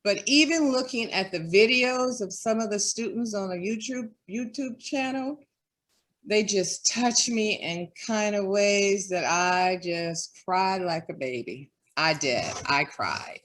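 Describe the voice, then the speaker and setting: A woman's voice: mid-range voice, takes it slowly, fairly bright tone. A woman speaking as a guest on a live online event, earnest and heartfelt. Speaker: development director. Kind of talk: interview guest.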